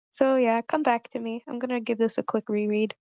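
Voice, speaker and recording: A woman taking part in a table read gives casual feedback in an informal group chat. Her voice is a little high with a darkish tone, and the call audio is dry, dull and lo-fi.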